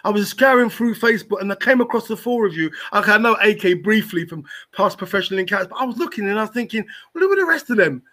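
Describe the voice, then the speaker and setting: A man with a high voice speaks with passion as a guest on a panel. He is emphatic and rhetorical, repeating phrases to drive each opinion home. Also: quick pace, few pauses, bright, forceful tone. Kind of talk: impassioned opinionated talk.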